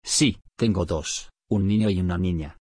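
A man reading short phrases one by one for a language lesson, slow and even. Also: sits low, husky, no room sound, studio quality. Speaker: phrase reader.

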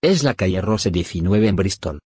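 A man reading short phrases one by one for a language lesson, slow and even. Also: deep voice, husky, no room sound, studio quality. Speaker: phrase reader.

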